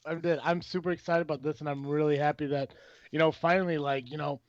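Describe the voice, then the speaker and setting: A man hosting a casual podcast, talking excitedly and rambling with many restarts and fillers. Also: fairly high pitch, quick pace, dry recording, highs cut off. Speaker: podcast host.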